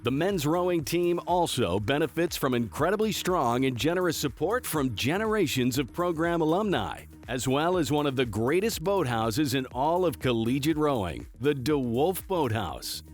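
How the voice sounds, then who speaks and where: Lively, polished male narrator. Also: on the high side, moderate pace, few pauses. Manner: polished, promotional. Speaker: show narrator. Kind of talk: scripted narration. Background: music.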